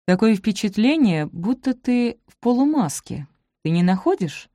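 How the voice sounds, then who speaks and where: Woman playing a coldly angry young gentleman. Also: mid-range voice, sing-song, moderate pace, dry recording, studio quality, lightly acted. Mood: cold, quiet. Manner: quiet and cold, flaring into shouts.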